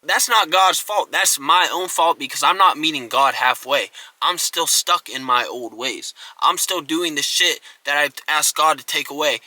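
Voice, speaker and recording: A young man telling his life story to his viewers in a casual, profane, animated way. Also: fairly high pitch, no room sound, low-quality recording. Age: young adult. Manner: slangy, profane, fast and animated. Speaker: content creator.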